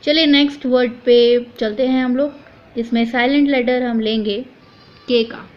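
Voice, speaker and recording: Woman, bright high voice, patient spelling-out teacher, dull lo-fi audio. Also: fairly even intonation, moderate pace. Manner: spells words letter by letter and repeats correct pronunciations. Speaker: English teacher. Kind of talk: vocabulary lesson. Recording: dull lo-fi recording.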